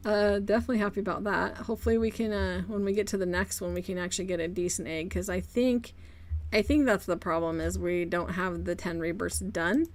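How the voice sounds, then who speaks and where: Streaming a game live, a woman with a medium-pitched voice chats casually with her viewers and greets them by name. She has a quick, excitable streak and exclaims repeatedly.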